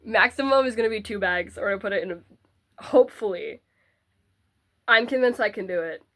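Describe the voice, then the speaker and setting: A woman's voice: mid-range voice, brisk, a bit bright, no echo, clean studio sound. A teenage girl with a congested, stuffy voice, chatting casually to the camera while packing for a trip. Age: teens. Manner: chatty, bubbly, self-deprecating asides. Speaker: vlogger.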